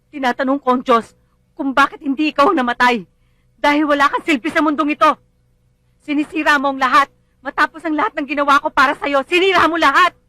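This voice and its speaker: A woman's voice: sits high, bright, forceful tone, dry recording. An actress playing a bereaved mother who bitterly blames others and lashes out in anger. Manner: bitter, accusing, rising to screams. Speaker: grieving mother. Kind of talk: film drama acting.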